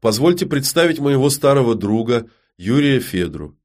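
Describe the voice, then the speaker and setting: A man's voice: medium pitch, lively intonation, brisk, a little mellow, pitched above the performer's own voice, close to an everyday voice. A man voicing an old male shopkeeper who grumbles but greets guests courteously. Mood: gruff, courteous. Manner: grumbling, hospitable.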